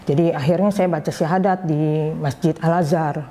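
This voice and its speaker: A woman telling her personal story, voicing the people in it with animated quoted dialogue. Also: low voice, normal speed. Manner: recounts with lively quoted dialogue. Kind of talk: personal testimony.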